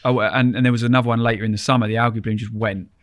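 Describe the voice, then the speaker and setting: A man's voice: mid-range voice, fairly even intonation, very fast, dry recording, studio quality. A man telling casual, rambling anecdotes as a podcast guest in informal, colloquial speech.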